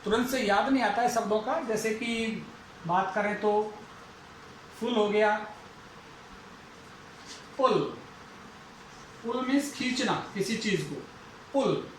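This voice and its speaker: A man from India teaches a phonetics lesson, stretching and repeating each example word. His voice sits very high and he talks very slowly. The recording is heavily echoey with a faint hiss behind him. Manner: explaining slowly, repeating and drawing out example words. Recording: very echoey room, faint noise.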